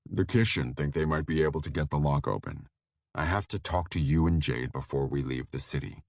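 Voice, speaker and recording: Worried young visionary, voiced by a male narrator; low, dry, urgent. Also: fairly quick, no echo.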